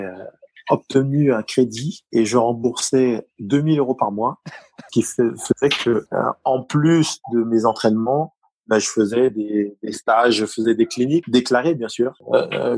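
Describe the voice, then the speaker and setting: Man, middle-aged, Parisian accent, husky, dry close sound, lots of hesitations. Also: medium pitch, a little mellow, no echo, rough recording. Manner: hesitant, many fillers and restarts. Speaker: guest, former top-level athlete. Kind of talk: conversational interview.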